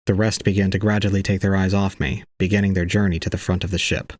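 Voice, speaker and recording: A man voices a deep-voiced young student who talks fast, narrating his own ordeal in a scripted first-person audio drama. The character is detached and resigned, and the delivery is solemn, calm, and unemotional, with a solemn, pitying mood.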